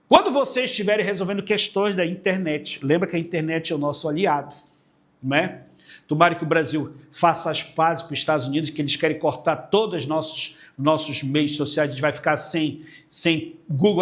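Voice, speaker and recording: A fairly high-pitched man from Brazil, middle-aged, teaching an exam-prep literature class. He talks straight to his students in a relaxed classroom way. He keeps asking questions and answering them himself. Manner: explanatory, asks and answers his own questions; casual classroom tone, addresses students directly. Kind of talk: exam-prep video lesson.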